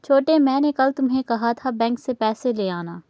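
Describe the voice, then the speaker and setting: A woman's voice: fairly high pitch, expressive, moderate pace, dark tone, natural voice. A woman reading aloud voices a stern, businesslike older brother who questions firmly. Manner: firm, questioning.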